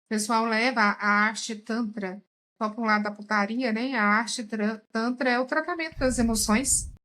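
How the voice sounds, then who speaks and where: Woman, fairly high voice, emphatic casual commentator who keeps calling out to listeners. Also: steady tone, normal speed, sharp tone, poor audio. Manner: emphatic, addresses listeners as "gente". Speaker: therapeutic tarot reader, guest. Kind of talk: casual commentary while watching a recorded chat.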